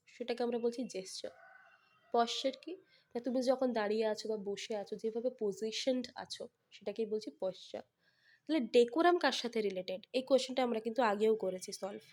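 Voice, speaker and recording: A woman with a Bengali accent leads an exam-prep lesson in a slightly raised voice. She reads each English line slowly, then explains it briskly and checks in with her students. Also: fairly high pitch, darkish tone.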